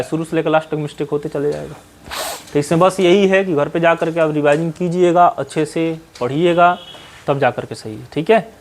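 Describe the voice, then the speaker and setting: A man's voice: on the high side, slight background noise. A man with a Bihari Hindi accent teaching mathematics in a classroom, advising students at length and tagging his sentences with "है ना?". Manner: scolding, advising, with frequent "है ना?" tag questions. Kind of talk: classroom lecture. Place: classroom with whiteboard.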